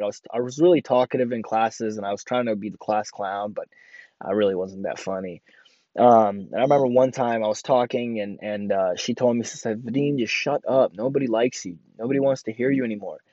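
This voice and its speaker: A man's voice: mid-range voice, dark tone, no room sound, highs cut off. A young man born in Ukraine, hosting a podcast and telling a personal story with many fillers and restarts. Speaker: podcast host.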